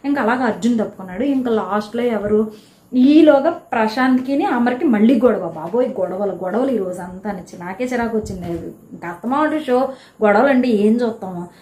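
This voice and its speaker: A woman giving a casual, animated recap of a reality show episode, telling who quarreled with whom. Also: on the high side, brisk. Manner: chatty, animated retelling of quarrels. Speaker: show reviewer. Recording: echoey room.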